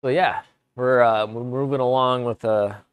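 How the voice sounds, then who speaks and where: A man streaming live from his woodworking shop, chatting casually with viewers in a relaxed, rambling way. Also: mid-range voice, normal speed, clear, resonant tone, no room sound. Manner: relaxed, rambling, chats with viewers between tasks. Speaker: woodworking livestreamer. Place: home workshop.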